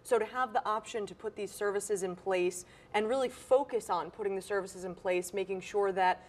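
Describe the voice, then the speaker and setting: A woman reporter talks through her story in a studio debrief. She sounds earnest and explains things plainly at a medium pitch. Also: moderate pace, a little mellow.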